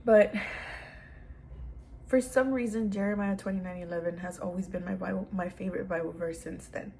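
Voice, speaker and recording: A woman's voice: mid-range voice, steady tone, normal speed, creaky, warm tone, a little hiss or hum. A young woman telling a personal story casually, emotional and laughing through tears, with a lot of "like". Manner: casual, many fillers like "like".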